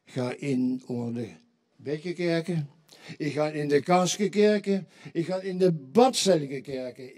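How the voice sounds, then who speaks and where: A man's voice: a little high, unhurried, a little mellow. A man with a Limburgish accent performing a carnival joke routine, acting out the characters in his jokes. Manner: tells punchline jokes, acting out quoted voices. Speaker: carnival stand-up comedian.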